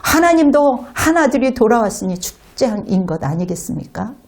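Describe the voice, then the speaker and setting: A woman pastor delivers a sermon in a somewhat high, husky voice with a dark, mellow tone. She tells stories with animated delivery and turns to the congregation with direct rhetorical questions. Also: moderate pace. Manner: animated storytelling, acting out quotes.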